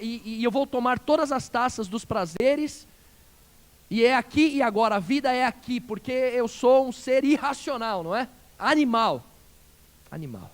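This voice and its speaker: A male pastor preaching a sermon, asking the congregation questions and swinging between loud emphatic phrases and quiet dropped endings. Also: very high-pitched. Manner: asks the congregation rhetorical questions.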